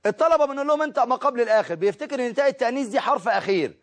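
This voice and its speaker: Egyptian male grammar teacher, high-pitched, brisk, step-by-step explainer. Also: animated. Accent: Egyptian Arabic. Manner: explains step by step, checks in with students. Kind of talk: recorded grammar lesson.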